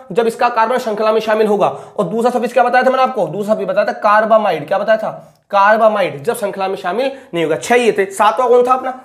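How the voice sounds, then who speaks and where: A man's voice: extremely high pitch, a bit bright. Guy teaching chem, asks stuff twice then answers it himself. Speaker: chemistry teacher. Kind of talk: recap lecture with call-and-response questions.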